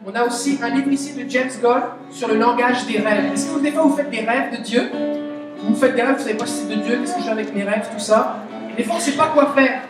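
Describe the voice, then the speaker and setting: A woman with a Québécois French accent preaching a chatty, animated sermon, asking the audience questions. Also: fairly high pitch, fairly quick. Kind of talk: conversational sermon. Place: church meeting hall. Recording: very echoey hall, voice from a distance. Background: soft guitar music.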